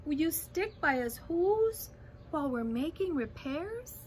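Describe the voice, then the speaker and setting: A woman puts on a tiny, timid male mayor from a storybook. The voice is very high and shrill, calling slowly as if to be heard from far below. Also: big pitch swings, slight background noise, heavily acted. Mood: pleading. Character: tiny, scared male mayor of miniature people.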